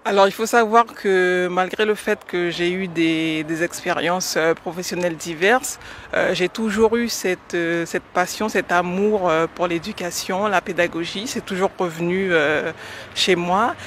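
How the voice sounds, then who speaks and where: A woman from French Guiana in her forties, answering radio interview questions about teaching with hesitant pauses and many fillers. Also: lowish voice, fairly bright tone, slight background noise. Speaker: guest, educator.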